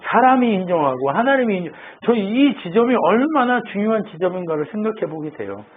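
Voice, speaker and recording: High-voiced pastor preaching over a thin line. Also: male voice, very animated, brisk, husky. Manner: asks the congregation questions and answers them himself. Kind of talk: sermon. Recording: tinny phone-like line with faint noise.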